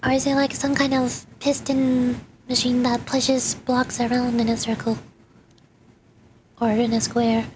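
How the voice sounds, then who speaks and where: Her voice is on the high side, her delivery flat and her pace measured. She's a VTuber game streamer chatting casually while she plays, playful and rambling, with game music and a noisy background.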